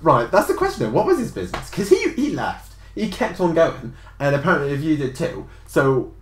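Young man, host, dry teasing humour, animated pitch, echoey room. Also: moderate pace, faint music behind. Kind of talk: casual chat.

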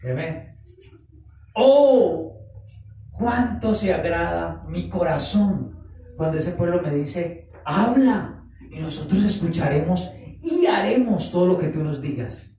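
High-voiced man preaching, very echoey. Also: a little hiss or hum. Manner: animated, acts out quoted voices, drawn-out emphatic phrases. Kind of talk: sermon. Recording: echoey room, voice from far off the mic.

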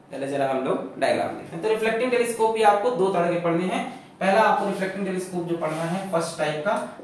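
A man teaching a physics lecture, lively and full of rhetorical questions, mixing English terms into his explanation. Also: sits high, slight background noise. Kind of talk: classroom lecture. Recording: echoey classroom from far off.

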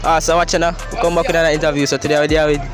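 A man's voice: on the high side, level tone, rapid-fire, music in the background. A teenage boy with a Jamaican accent asking playful trick questions outdoors at a school. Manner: playful, laughs at answers, patois catchphrases. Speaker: interviewer. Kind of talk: street interview.

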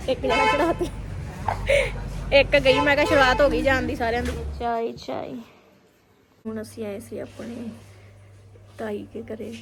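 A woman's voice: a little high, level tone, normal speed, long pauses. A woman, chatting casually with family as she narrates a home vlog. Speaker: family vlogger.

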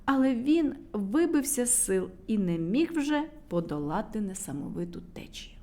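A woman storyteller reading a children's tale aloud in a lively, dramatic way. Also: medium pitch, moderate pace.

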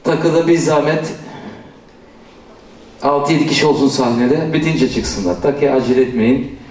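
A man hosts a wedding and gives practical, informal directions. His voice has an average pitch and sounds distant, with plenty of echo from the hall. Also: moderate pace, darkish tone, a little hiss or hum. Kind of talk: informal instructions to guests. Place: large indoor wedding hall. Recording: echoey hall PA, distant mic.

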